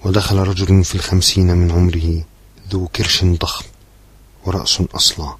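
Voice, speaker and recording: Deep husky male audiobook narrator. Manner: measured, steady storytelling.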